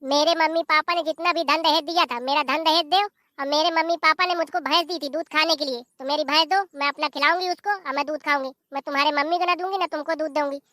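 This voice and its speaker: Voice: high voice, steady tone, quick pace, sharp tone, no echo, clean studio sound. A performer voicing a stubborn young village wife in a cartoon, sulky and sarcastic.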